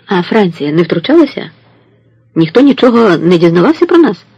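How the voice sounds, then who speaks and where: A man voicing a young woman who asks soft, eager questions, in a storybook reading. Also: high voice, big pitch swings, a little fast, breathy edge, dry recording, highs cut off, full character voice. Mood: questioning.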